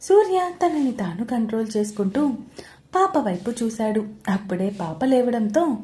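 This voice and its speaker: A woman storyteller reading a serialized romance story aloud in a steady, expressive way. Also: a little high, moderate pace.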